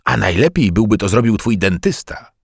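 A man's voice: lowish voice, lively intonation, moderate pace, creaky, slightly rough, no echo, heavily acted. A boastful old court healer whines that he could do better, as a male narrator puts him on in a raised, thin voice. The delivery is close and dry, with bragging, complaining swings. He sounds like a jealous old man in a storybook.

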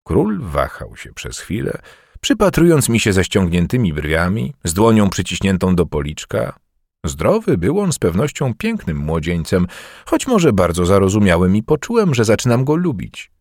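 A man giving an expressive first-person audiobook reading in a measured, theatrical storytelling manner. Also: fairly low pitch, creaky, dry recording, studio quality. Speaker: audiobook narrator.

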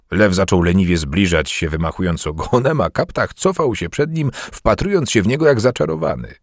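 A man giving an expressive first-person audiobook reading in a measured, theatrical storytelling manner. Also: lowish voice, slightly rough, no echo, studio quality. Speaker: audiobook narrator.

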